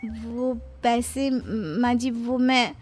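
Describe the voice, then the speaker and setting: A woman's voice: on the high side, very slow, darkish tone, soft background music. A woman voicing a cheeky young daughter-in-law in a cartoon, coaxing and whiny about mangoes.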